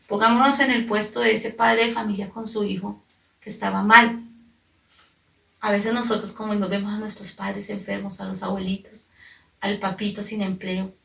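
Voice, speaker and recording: A woman's voice: mid-range voice, gravelly, fairly bright tone. A woman with a Colombian accent giving an earnest Bible sermon to families and children, explaining the scripture step by step. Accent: Colombian Spanish. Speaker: children's program preacher. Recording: echoey room, distant mic.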